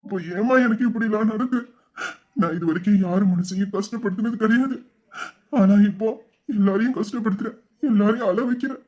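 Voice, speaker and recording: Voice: medium pitch, brisk, a little mellow, lo-fi sound, close to an everyday voice. A performer voicing a young man who is crying, pleading and blaming himself, in an audio drama. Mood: tearful pleading. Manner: sobbing, pleading, self-reproaching. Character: young man grieving and begging forgiveness. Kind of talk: Tamil audio drama acting.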